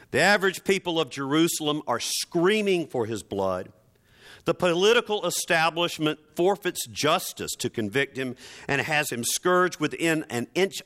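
A man with a slightly high, fairly bright voice preaches a dramatic sermon. His delivery is emphatic and theatrical, full of rhetoric, sardonic asides, and deliberate repetition for effect.

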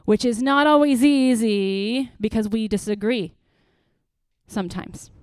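A middle-aged woman pastor giving an earnest, lively workshop talk to parents, with praise asides and acted-out stories. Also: a little high, a little slow, clean tone, no room sound. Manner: lively storytelling, acts out quotes with bursts.

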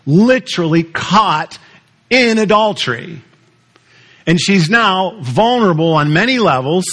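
A man's voice: high voice, fairly bright tone. A male pastor preaching a sermon in a conversational way, asking the congregation questions.

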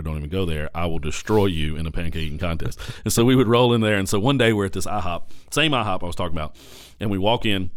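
Deep-voiced pastor telling a candid story. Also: male voice, no echo, studio quality. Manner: candid, animated storyteller who repeats phrases for emphasis. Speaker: pastor and podcast host. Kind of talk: casual podcast storytelling. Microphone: podcast microphone.

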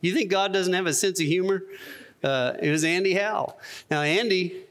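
A middle-aged man giving a sermon testimony as guest speaker, telling his story with chuckles and slowing down to quote scripture. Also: high-pitched, fairly bright tone. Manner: storytelling, chuckles often, rises for emphasis, slows when quoting scripture.

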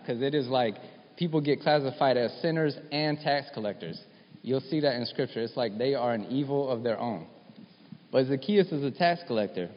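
Man preaching in an echoing hall. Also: medium pitch. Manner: animated, rising to emphatic bursts, repeats and restarts. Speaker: pastor. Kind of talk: sermon. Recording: dull sound with long hall reverb.

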